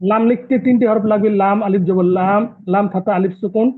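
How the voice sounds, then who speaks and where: A man's voice: high-pitched, steady tone, quick pace. A man teaching Quran recitation rules in an online lesson, patiently repeating terms and quizzing his students. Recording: tinny phone-like call audio.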